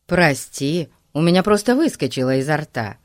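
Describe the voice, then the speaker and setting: A woman's voice: sits low, sing-song, normal speed, no echo, clean studio sound. A woman voicing an eager, admiring boy in a storybook. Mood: apologetic. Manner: eager, apologetic.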